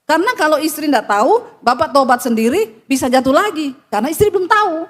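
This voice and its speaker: A woman's voice: sits high, lively intonation, fast. A middle-aged woman pastor preaching a sermon in a blunt, scolding way, mixing in casual slang.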